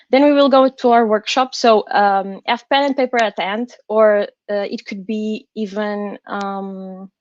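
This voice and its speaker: A woman's voice: mid-range voice, no echo, lo-fi sound. Careful, from a woman. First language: not English. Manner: careful English, hesitant and halting. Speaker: designer presenting a workshop. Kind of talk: online workshop presentation. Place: indoors on an online call.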